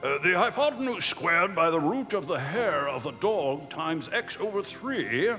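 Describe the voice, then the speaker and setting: Dithering, pompous, high-voiced king. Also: very animated, a little slow, full character voice. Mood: pompous, puzzling. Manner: muttering, dithering, genteel. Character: flustered, pompous, stubbornly hopeful chess king. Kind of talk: comic musical storytelling. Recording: loud music underneath.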